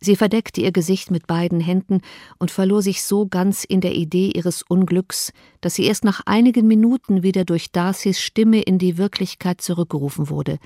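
A woman reading a classic novel aloud as an audiobook, in a measured, subdued way. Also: lowish voice, dark tone, dry recording, studio quality. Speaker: audiobook narrator. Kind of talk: scripted narration of a classic novel.

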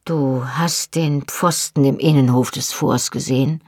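A woman reading an audiobook voices a fierce, proud young Highland husband, speaking low and rough with passion. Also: unhurried, no echo, clean studio sound. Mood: raw, pained.

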